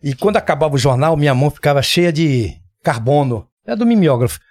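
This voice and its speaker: Lively older man with a Pará accent. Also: a little high, a little fast. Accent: Pará Portuguese. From Pará, Brazil. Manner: lively storyteller, swears freely. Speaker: guest, former TV news presenter. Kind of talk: casual podcast chat.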